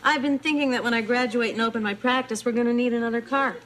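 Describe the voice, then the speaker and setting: A woman's voice: fairly high pitch, fairly even intonation, quick pace, close to an everyday voice. An actress playing a cheerful, friendly mother who is studying law, in a sitcom. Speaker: mother and student. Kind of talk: sitcom acting. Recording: noisy TV sound with loud studio laughter.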